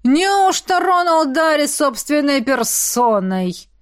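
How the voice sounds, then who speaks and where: A woman's voice: high voice, big pitch swings, takes it slowly, no echo, studio quality, voice pushed up, exaggerated voice. A woman voicing a sly, flamboyant male baron who drawls and teases. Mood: mocking. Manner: drawling, teasing.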